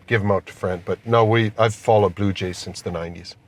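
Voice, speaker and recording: A middle-aged company executive, born in Austria and now an immigrant in Canada, answers interview questions in casual conversation inside a moving car. His voice is lowish and steady, a little fast. The noisy vehicle interior comes through on the recording.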